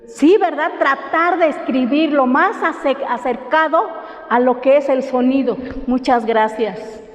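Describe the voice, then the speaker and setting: A woman's voice: high-pitched, measured pace. A woman from coastal Oaxaca, a native Mixtec speaker with a Mexican accent, teaching a language class in a patient, encouraging way and often restarting her sentences. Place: university classroom. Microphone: teacher's own microphone. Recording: roomy hall echo, slightly dull.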